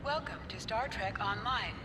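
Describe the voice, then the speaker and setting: Male actor as formal game tutorial guide, high-pitched, instructive, loud ambience behind. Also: normal speed, very noisy, close to an everyday voice. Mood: welcoming, instructive. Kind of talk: scripted game tutorial narration.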